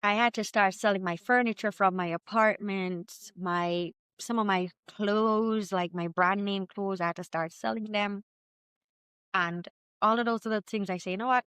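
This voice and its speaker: A woman in her thirties with a Jamaican accent, telling her story as a podcast guest in a lively, chatty way. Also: mid-range voice, normal speed, clear, resonant tone, no room sound. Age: 30s. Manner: lively, chatty, quotes herself often. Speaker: guest entrepreneur. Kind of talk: candid storytelling interview.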